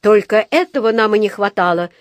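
A fussy, flustered old factory owner, as a woman narrator puts him on talks in a slow, anxious way. He is an elderly, well-meaning gentleman in a children's storybook. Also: medium pitch, no echo, clean studio sound, close to an everyday voice. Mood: grumbling.

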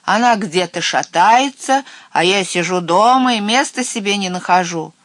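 A storyteller voicing a fussy, worried talking raven who caws loudly and indignantly. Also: mid-range voice, measured pace, no echo, clean studio sound, lightly acted. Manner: loud, indignant, cawing.

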